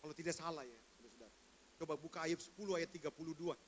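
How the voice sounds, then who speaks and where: A man's voice: fairly high pitch, rapid-fire, slight background noise. A male pastor giving a sermon in a conversational way, speaking straight to the congregation. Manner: conversational preaching, addresses congregation directly.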